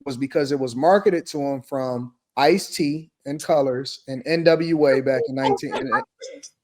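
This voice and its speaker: A man's voice: medium pitch, moderate pace. A man in his forties from Detroit, hosting a heated panel debate and repeating himself insistently to hold the floor. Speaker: podcast host.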